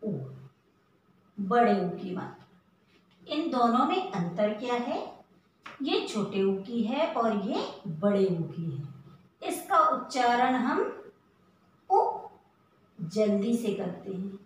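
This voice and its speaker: A woman teaching young children a patient lesson, asking questions and sounding out each letter slowly. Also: a little high, sing-song, recorded from a distance, a little hiss or hum. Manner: patient, asks questions and answers them herself. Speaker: primary school teacher. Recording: very echoey room, voice from off-mic.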